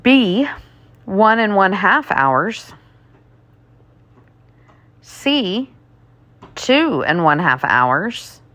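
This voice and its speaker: Like a teacher, a woman reads test questions aloud extremely slowly and deliberately, setting each item apart. Her mid-range voice is a bit bright with big pitch swings. The sound is dry, with no room sound around it.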